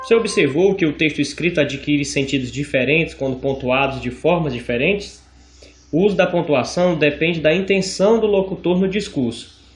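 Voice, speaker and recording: Male teacher from Brazil, slightly high voice, patient audio-lesson delivery with drawn-out examples, roomy echo. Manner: explanatory, with fillers and slow stressed examples.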